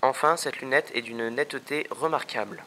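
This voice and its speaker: A man's voice: mid-range voice, moderate pace, sharp tone, slight background noise, low-quality recording. A young man giving a casual product review, hesitant, with many fillers and restarts.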